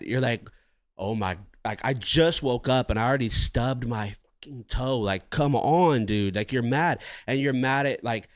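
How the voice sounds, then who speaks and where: A man co-hosting a podcast in casual chat, rambling and animated, swearing freely as he talks through ideas. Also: on the low side, clear, resonant tone, no room sound, clean studio sound. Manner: rambling, profane and animated, acting out his inner voice. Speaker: podcast co-host.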